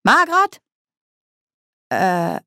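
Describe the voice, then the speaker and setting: A woman reading an audiobook, voicing a cheeky, boozy old witch woman with a loud, high, cackling voice. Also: huge pitch swings, very slow, clear, resonant tone, dry recording, studio quality, full character voice. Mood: merry. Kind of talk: audiobook character voice.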